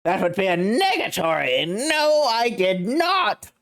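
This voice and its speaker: A woman's voice: medium pitch, sing-song, fairly bright tone, full character voice. A woman doing a pompous blustering company boss. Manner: grandiose, pompous, drawn-out words. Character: pompous self-important male company boss. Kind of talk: live-streamed game script read-aloud.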